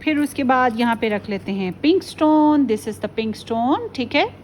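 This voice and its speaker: A woman hosts a relaxed pick-a-card tarot video, speaking in a fairly high voice. She is chatty, sprinkles English phrases through her talk and keeps checking in with her viewers. A faint background noise sits under her voice. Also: measured pace. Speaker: tarot reader.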